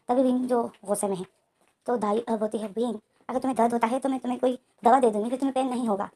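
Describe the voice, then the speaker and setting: A woman's voice: a little high, darkish tone. A woman retelling a fan story as a narrator, quoting each character's lines in her own voice.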